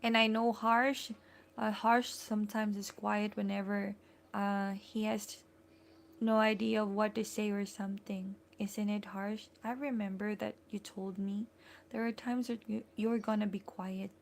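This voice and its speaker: A woman's voice: mid-range voice, flat delivery, a little slow, vocal fry, slight background noise. A woman with a Filipino accent hosting a casual live stream from home, chatty and full of fillers as she greets and thanks viewers by name. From Philippines.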